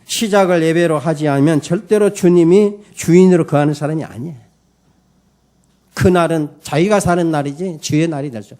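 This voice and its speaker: A man's voice: fairly high pitch, warm tone. A man pastor giving a Sunday morning sermon in church, preaching emphatically, calling for amens and telling a story with many fillers. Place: church service.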